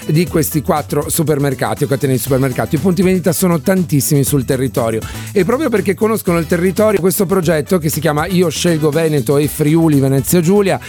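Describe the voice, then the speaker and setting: A man's voice: fairly high pitch, fast, few pauses, warm tone, soft background music. A man presenting live radio as a chatty, playful Italian quiz host.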